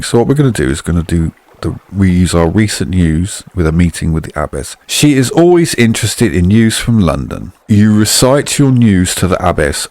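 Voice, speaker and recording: A man hosting a game playthrough, reading the story text aloud and then remarking on it in a chatty, offhand way. His voice sits low but swings up and down a lot. The sound is dry and close, with no room around it. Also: a little mellow, no room sound. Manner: chatty, reads narration then comments offhandedly. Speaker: video game playthrough host.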